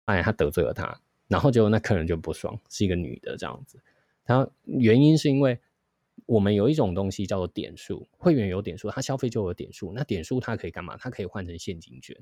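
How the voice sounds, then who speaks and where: A man with a Taiwanese Mandarin accent tells a workplace story in his low voice at a quick clip. He slips into the voices of the people he quotes as he goes. The sound is dry and close, with no room echo. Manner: animated storytelling, acts out quoted dialogue. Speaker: podcast host. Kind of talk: storytelling chat.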